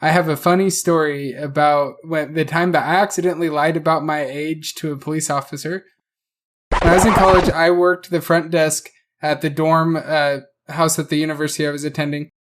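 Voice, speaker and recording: A man co-hosting a podcast, telling a personal story in an animated, laughing way. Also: fairly high pitch, fairly quick. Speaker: podcast co-host. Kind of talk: casual podcast chat, telling an anecdote.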